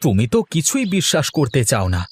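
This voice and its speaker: A man voicing a kind-hearted, generous poor village husband in a cartoon who talks gently and soothingly. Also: mid-range voice, wildly swooping pitch, fast talker, slightly rough, dry recording. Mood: hopeful. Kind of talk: cartoon voice acting.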